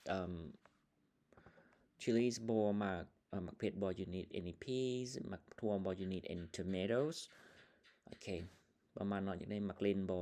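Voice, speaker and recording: A male English teacher with a Lao accent, slowly explaining vocabulary and sample answers in a casual online lesson, with plenty of fillers. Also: low-pitched, darkish tone. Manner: slow, explaining words one by one with many fillers.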